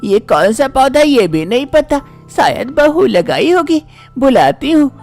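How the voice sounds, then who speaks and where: A bossy older mother-in-law in a cartoon storybook, played by a woman who keeps her voice fairly high and lively as she calls out and orders her family about. Faint music plays behind her. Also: measured pace, full character voice. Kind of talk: animated storybook voice acting.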